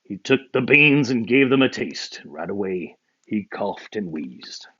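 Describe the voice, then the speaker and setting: A man reads a children's picture book aloud with a very lively, swooping voice. He drops low and quiet for the narration tags. The recording sounds muffled and lo-fi. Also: unhurried. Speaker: storybook reader. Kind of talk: children's storybook read-aloud.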